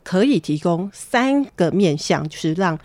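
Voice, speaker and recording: A woman's voice: lowish voice, animated, unhurried, a little mellow, no room sound. A woman guest explaining university teaching work in conversation, with frequent hesitation fillers.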